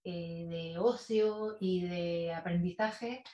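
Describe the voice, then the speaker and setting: A woman guest talking about public speaking in a chatty, expressive and playful way, in a casual in-person interview. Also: lowish voice, takes it slowly, muffled recording. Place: in person in a room with the host. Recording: echoey room.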